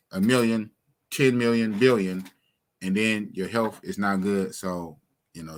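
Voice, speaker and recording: A man's voice: lowish voice, fairly bright tone. A man hosting a livestream talk show, chatting casually in a laid-back, slangy way and falling back on stock sayings. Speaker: host.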